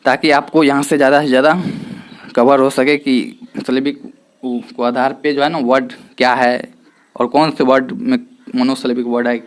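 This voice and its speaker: A man teaching a lesson in Hindi, dropping English terms into his speech. He poses his own questions and answers them right away. He draws out each example word and says it several times. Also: mid-range voice. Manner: repeats example words slowly, asks and answers own questions. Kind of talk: explanatory classroom lesson.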